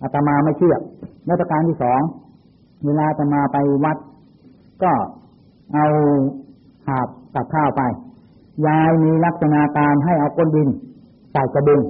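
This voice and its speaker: A man's voice: fairly high pitch, flat delivery, normal speed, long pauses, slightly rough. An older man from Thailand, a Buddhist monk, giving a sermon by retelling childhood stories in a folksy, anecdotal way, heard over a tinny phone-like recording. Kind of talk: sermon with personal storytelling.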